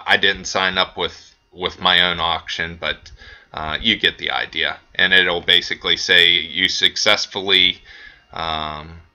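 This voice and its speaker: Man, deep low voice, bright forceful tone, casual website walkthrough, lots of ums. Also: lo-fi sound. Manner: relaxed, with frequent ums and uhs. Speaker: auction house staff giving a website tutorial. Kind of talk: casual screen-recorded walkthrough.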